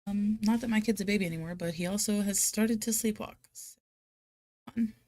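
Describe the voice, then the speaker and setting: Brisk and slightly mellow at a medium pitch, this woman with a Rhode Island accent hosts a casual live chat for reading sprints. She's chatty and self-deprecating, giggling often and playing things up with mock drama. She hails from Rhode Island in the United States.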